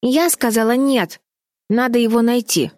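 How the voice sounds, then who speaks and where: A woman's voice: fairly high pitch, unhurried, darkish tone, no room sound, clean studio sound, voice pushed up, natural voice. Woman voicing a panicky, stubborn young girl. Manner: pleading, tearful protests. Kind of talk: audiobook character voice.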